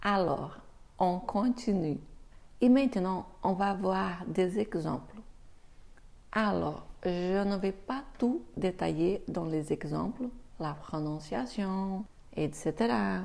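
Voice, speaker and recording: A woman teaches a beginner French lesson at a slow, deliberate pace. Her voice is gravelly and mellow. She models each sound with care. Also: fairly low pitch. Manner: slow, careful pronunciation demos.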